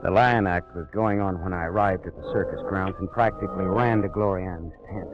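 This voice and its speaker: An actor plays a wry, tense male private detective, giving clipped, hard-boiled narration in 1940s radio drama style. His low voice is brisk and lightly acted, and the mood is tense. A dramatic music score plays behind him, and the broadcast sound is dull and lo-fi, as in the 1940s.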